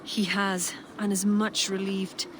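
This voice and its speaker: A woman's voice: mid-range voice, little pitch movement, slow pace, natural voice. Woman voicing a grave pagan lore-keeper. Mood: earnest. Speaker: Irish ally in a Viking game. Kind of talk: video game cutscene dialogue. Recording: game audio under loud ambient noise.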